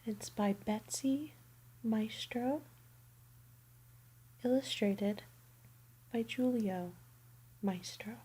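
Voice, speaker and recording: A woman doing a bedtime ASMR roleplay in a soft, soothing whisper. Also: fairly high pitch, very slow, long pauses, slightly rough, rough recording.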